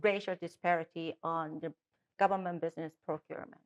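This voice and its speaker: With a low, steady voice and a brisk pace, a middle-aged woman who speaks Korean natively and has a Korean accent handles interview questions as a political candidate. She frequently restarts her sentences and uses fillers.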